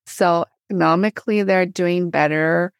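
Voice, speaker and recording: Born in Korea and an immigrant since 1975, this middle-aged theologian and teacher joins a conversational podcast as an enthusiastic guest. Her voice sits fairly low, steady in tone, at a moderate, smooth pace. The recording is dry and studio quality.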